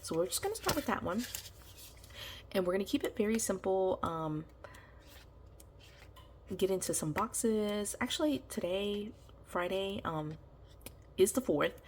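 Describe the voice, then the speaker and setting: A woman vlogger with a medium-pitched, lively voice chats casually while decorating her planner, talking a little slowly with long pauses. She's sick and nasally congested, her voice starting to give out, and she meanders along full of ums and you-knows. Slight background noise is audible in this plan-with-me chat.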